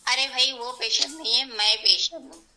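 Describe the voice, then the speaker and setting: A middle-aged woman with a Hyderabadi Urdu accent recounts her own experience to an interviewer. Her voice is very bright and sits a little high. She tells it animatedly, acting out what others said and calling on God often. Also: moderate pace, low-quality recording. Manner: animated, vivid retelling with voiced quotes; devout, invokes God often. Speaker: interview guest. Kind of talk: personal storytelling.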